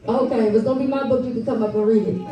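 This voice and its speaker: Speaking quickly in a slightly high, steady voice, this children's author and teacher encourages a live audience of kids and families, talking to them directly. Crowd noise fills the library event room, picked up by a far-off mic with lots of echo.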